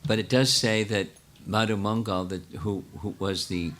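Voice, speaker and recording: An older man, a spiritual teacher, answering questions in a lecture with a halting, thinking-aloud manner full of restarts. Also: fairly low pitch, fairly even intonation, fairly bright tone, a little hiss or hum.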